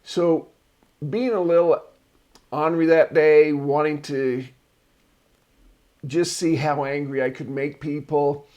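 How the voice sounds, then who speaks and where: A man's voice: a little high, steady tone, slow, long pauses, darkish tone. Chatty man hosting a marketing show. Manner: chatty and digressive, tells personal stories. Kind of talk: casual solo talk reviewing articles.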